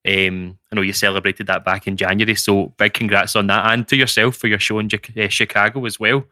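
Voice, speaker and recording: Even-pitched, bright man co-hosting. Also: brisk, no echo, clean studio sound. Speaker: podcast co-host. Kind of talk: casual conversational interviewing.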